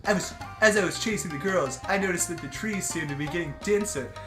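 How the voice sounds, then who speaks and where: A man's voice: sits high, a little fast. A man casually reading a visual novel aloud with a friend, playful and bantering. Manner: playful, reads narration and bickers over parts. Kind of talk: casual let's-read narration. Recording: echoey room with background music.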